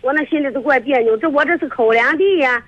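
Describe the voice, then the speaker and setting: An older woman calling a radio show, halting and repetitive. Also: sits high, highs cut off. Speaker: caller. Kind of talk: phoned-in radio chat.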